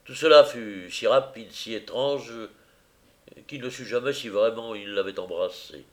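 A man reading a novel aloud as narrator, in a measured, even storytelling manner. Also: medium pitch.

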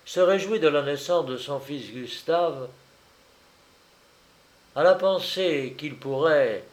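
A man reading a literary story aloud as an audiobook narrator, with a measured and wry storytelling delivery. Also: fairly high pitch.

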